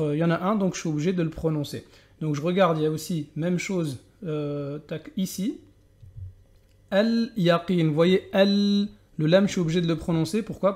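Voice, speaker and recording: A man teaching tajwid, explaining step by step and asking and answering his own questions, with slow recitation of verses. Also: on the high side, a little mellow.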